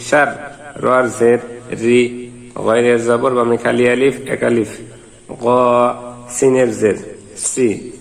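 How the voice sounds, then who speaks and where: A man teaching Quran reading. He spells out letters and vowel marks one by one, then chants each verse slowly. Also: mid-range voice, vocal fry. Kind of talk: step-by-step recitation lesson.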